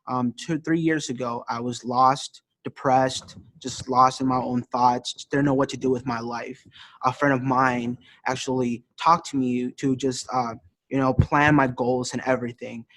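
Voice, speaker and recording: A man's voice: medium pitch, little pitch movement, measured pace, a bit bright. A teenage man from Iowa giving an earnest, encouraging talk about goals, with loose restarts. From Iowa, USA. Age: teens. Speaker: youth speaker. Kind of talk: casual motivational talk.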